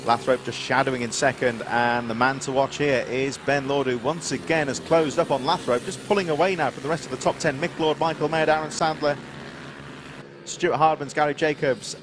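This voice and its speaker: A man giving live motorsport commentary as race commentator, reeling off rider names and running order. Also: medium pitch. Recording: noisy outdoor trackside sound. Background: vehicle and outdoor track noise.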